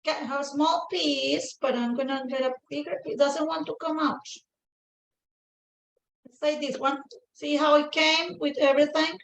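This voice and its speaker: A woman with a distinctly high voice and a Colombian accent, a native Spanish speaker. She walks through a home cooking demonstration in a chatty, informal way, often repeating a phrase to stress it. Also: fairly even intonation, measured pace, gravelly, a little hiss or hum, rough recording. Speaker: cooking show host, home cook. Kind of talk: casual cooking demonstration chat.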